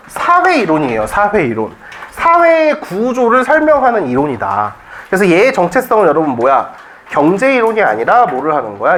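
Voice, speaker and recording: A man's voice: high-pitched, a bit bright, slight background noise. A man teaching a Korean reading class at a cram school, joking and constantly firing rhetorical questions at his students. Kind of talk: classroom lecture.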